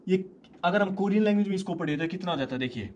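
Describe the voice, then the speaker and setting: A man teaching a language lesson in a casual way, slowly repeating words so learners can follow. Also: high voice, animated, darkish tone, lo-fi sound, a little hiss or hum.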